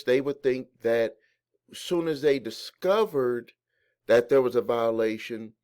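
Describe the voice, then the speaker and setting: A man talks straight to camera about debt and the courts, wandering into side stories as he goes. His voice sits in an ordinary middle pitch, and he fills the gaps with plenty of "you know" and "uh" as he restarts his thoughts. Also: darkish tone. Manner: rambling, conversational, many fillers and restarts; folksy storytelling asides. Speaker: host of a credit repair channel. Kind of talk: casual explainer monologue.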